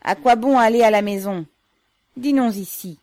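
A woman voicing a loud, hearty male locksmith at a factory. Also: sing-song, brisk, no echo, natural voice. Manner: booming, hearty.

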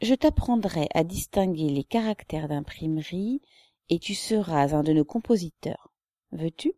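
Lady reader doing a jokey friendly young guy, low warm storybook voice. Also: a little slow, no room sound, studio quality. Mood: cheerful. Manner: lively, joking. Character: cheerful teasing young man. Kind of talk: audiobook character voice.

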